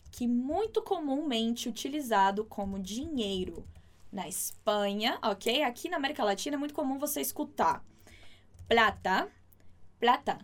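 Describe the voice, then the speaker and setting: A Brazilian woman teaching Spanish in an online lesson, explaining patiently and repeating words slowly so learners can practise. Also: fairly high pitch, fairly bright tone. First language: Portuguese.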